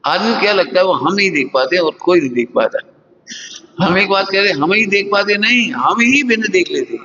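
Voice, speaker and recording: Brief: male preacher, high voice, plain talk, everyday examples, dull lo-fi recording with hall reverb. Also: lively intonation, normal speed, sharp tone, a little hiss or hum. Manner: plain-spoken, questioning listeners, homely examples. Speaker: Jain spiritual teacher. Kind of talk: sermon.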